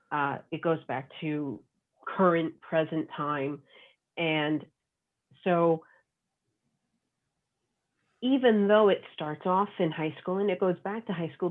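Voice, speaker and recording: A woman, a guest author chatting casually in an interview, rambling with plenty of fillers. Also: sits low. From Long Island, New York. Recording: tinny phone-like call audio.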